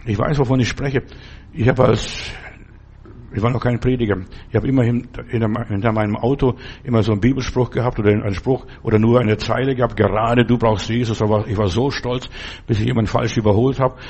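A male preacher delivers a sermon with a slightly husky, breathy voice at a middle pitch. He speaks emphatically and turns often to the listener with direct questions and exhortations. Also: steady tone, a little fast, a little mellow.

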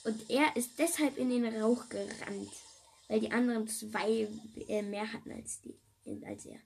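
A woman giving casual, chatty let's-play commentary to her viewers, excitable and joking, sometimes dropping to a whisper. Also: a little high, measured pace, gravelly, husky. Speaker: gaming video creator.

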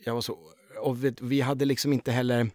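A man, a guest actor, telling anecdotes in a casual interview, animated and full of fillers. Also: mid-range voice, no room sound.

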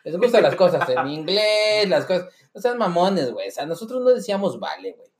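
A man's voice: high voice, a little fast. A man with a Mexican accent, co-hosting a casual podcast chat, joking and swearing freely. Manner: profane, joking, animated. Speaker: podcast co-host.

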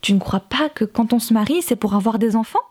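A woman's voice: a little high, brisk, darkish tone, breathy edge. A woman voicing a spiteful village mother in her thirties, who mocks with sugary false pity. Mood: honeyed.

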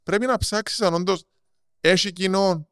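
A man with a Cypriot Greek accent explaining things in casual interview talk, halting and repeating words as he goes. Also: high voice, a bit bright, clean tone, no room sound, clean studio sound. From Cyprus. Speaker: podcast guest, marketing strategist.

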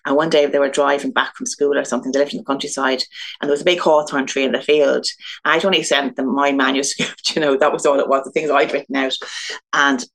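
A woman's voice: rumbling low, little pitch movement, fast, vocal fry, a bit bright. A woman from Dublin with an Irish accent, a guest author chatting casually in an interview, rambling through stories and laughing often. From Ireland (Dublin).

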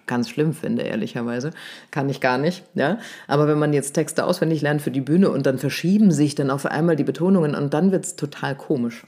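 Lively German-speaking voice coach. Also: medium pitch. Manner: explanatory, lively, demonstrates stresses with exaggerated emphasis; uses fillers like "ne?" and "ja?". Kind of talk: casual podcast conversation.

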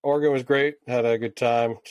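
A man's voice: mid-range voice, steady tone, brisk, a little mellow, smooth, no room sound. A man co-hosting a casual podcast chat, laid-back and laughing often, swearing freely. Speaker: podcast co-host, tattoo artist.

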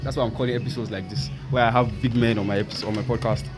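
A Nigerian man hosting a casual podcast, speaking slangy English mixed with Pidgin and often repeating his phrases excitedly. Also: mid-range voice, racing, over music. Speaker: podcast host.

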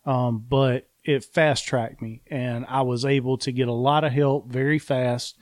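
A man's voice: medium pitch, fairly even intonation, a little slow, darkish tone, dry recording, studio quality. A man in his thirties telling his own story in frank, plainspoken casual talk, swearing now and then. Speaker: guest, army veteran. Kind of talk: candid conversational storytelling.

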